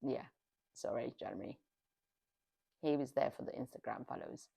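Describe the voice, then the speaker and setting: A woman's voice: mid-range voice, a little mellow. A woman giving casual, exasperated commentary on a reality TV show, scolding the people on it.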